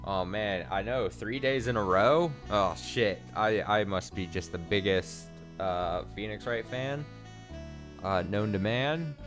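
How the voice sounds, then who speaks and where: A man's voice: fairly low pitch, slow pace, music in the background. A man giving casual, sweary game commentary as a streamer, often mocking himself.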